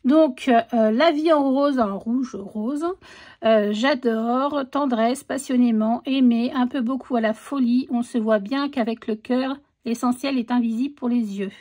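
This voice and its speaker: A woman's voice: on the high side, a little slow, darkish tone. A woman presenting a craft stamp collection in a casual unboxing, hesitant, with many fillers, reading the stamp words out as a list. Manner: reads out stamp texts as a list. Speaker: crafts vlogger.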